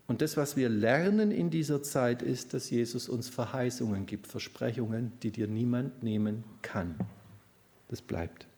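A middle-aged man preaching a sermon, slowing down on quoted commands and swinging between low earnest tones and lively, raised emphasis. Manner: slows down to stress quoted commands.

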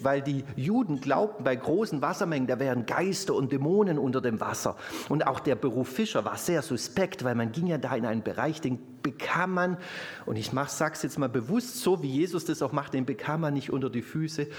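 Male preacher giving a sermon, earnest, talks right to you, goes quiet and soft sometimes. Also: mid-range voice. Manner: earnest, addresses listeners directly, drops to a near whisper on tender lines.

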